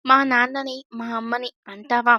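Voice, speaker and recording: A woman's voice: on the high side, flat delivery, moderate pace, bright, forceful tone, no room sound, dull audio. A woman voicing a shy but mischievous young woman. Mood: coy. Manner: coy, mischievous.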